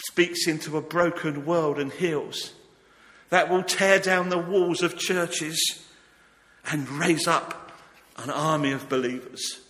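A man preaching a sermon at a pulpit microphone in a church. He talks earnestly and drops to a hush on key words. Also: a little high. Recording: long church hall reverb.

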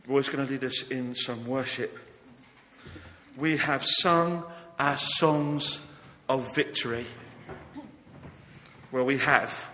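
Preacher at a pulpit microphone. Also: male voice, medium pitch, a little hiss or hum. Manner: earnest, slows and drops to a hush on key words. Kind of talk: sermon. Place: church. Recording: long church hall reverb.

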